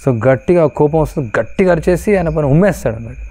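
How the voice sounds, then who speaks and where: A man giving a storytelling devotional talk, mixing in English phrases and pausing with frequent fillers. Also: fairly high pitch, lively intonation, mellow. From Andhra Pradesh. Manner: anecdotal, mixes English phrases, many fillers. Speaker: devotional speaker.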